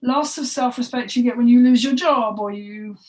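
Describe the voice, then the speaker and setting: Woman leading a halting healing session. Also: fairly high pitch. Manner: halting and emotional, with sighs and soft breathy asides. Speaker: healing session practitioner and co-host. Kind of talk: spoken energy healing session. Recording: voice distant from the mic.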